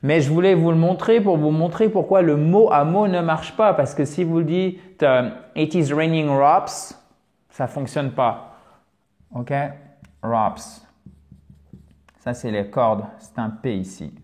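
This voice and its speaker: Man teaching English, lively and chatty. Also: a little high. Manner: lively teaching with many pauses, fillers and checks like "ok?". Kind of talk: explaining an English lesson to the camera.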